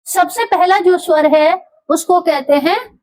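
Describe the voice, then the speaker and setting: A woman teaching grammar in a very high voice. She talks slowly and stretches each sound. She says the key terms again and again, the way a teacher drills a class. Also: a little mellow, no echo. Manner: slow, drawn-out sounds, repeats terms for students. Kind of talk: classroom lesson.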